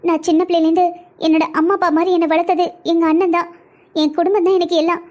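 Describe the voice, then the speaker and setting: A woman's voice: very high voice, little pitch movement, fast, a little mellow. A woman voicing family-drama cartoon characters with a pleading, emotional delivery. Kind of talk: Tamil cartoon voice acting.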